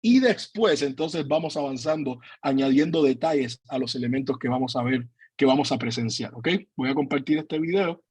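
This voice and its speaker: Husky pastor teaching online. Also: male voice, mid-range voice, moderate pace, hardly any pauses, a little mellow, no room sound. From Cuba. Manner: earnest, hesitant with many fillers.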